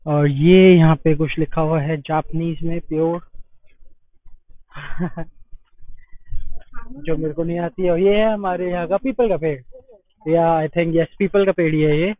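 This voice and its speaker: Outdoors at a temple site, a young Indian travel vlogger shows viewers around with chatty, exclaiming tour-guide commentary. His voice is on the high side with fairly even intonation, a measured pace and frequent pauses. The sound is tinny, like a phone.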